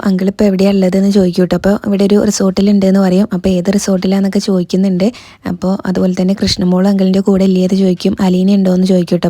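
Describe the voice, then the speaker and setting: A woman retells a serial episode in a relaxed, conversational way, running her sentences together at a brisk clip. Her voice is mellow and stays level, and she reads quoted lines without changing voice. The sound is dry and close, with no room around it. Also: medium pitch, dry recording. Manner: chatty, keeps adding tag words to sentence ends. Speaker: serial episode recap narrator. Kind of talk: casual spoken story recap.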